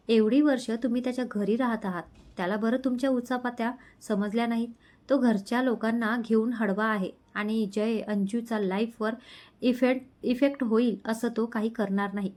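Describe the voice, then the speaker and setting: A jealous, frustrated young woman, as a woman storyteller reads her. She complains irritably, and her voice is a little high. It is a spoken storybook romance. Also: steady tone, moderate pace, a little mellow, natural voice. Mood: irritated.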